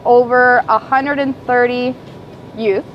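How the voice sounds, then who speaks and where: A woman hosting a casual chat, cheerful and quick to laugh. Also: fairly high pitch, steady tone, muffled recording, a little hiss or hum. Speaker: host. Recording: chatter of people behind.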